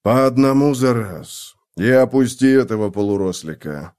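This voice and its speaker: A man voicing a tired middle-aged male watch sergeant who sighs and calms others down. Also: mid-range voice, normal speed, natural voice. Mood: weary. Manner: sighing, placating. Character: weary broad-shouldered middle-aged male city sergeant.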